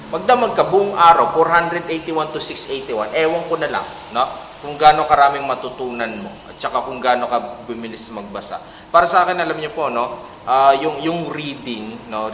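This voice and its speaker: A man's voice: a little high, bright, forceful tone. Tired male teacher in an echoey room. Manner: talks with a tag "no?", mixing English. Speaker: Korean language teacher. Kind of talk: casual exam-prep lesson. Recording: echoey room with light hiss.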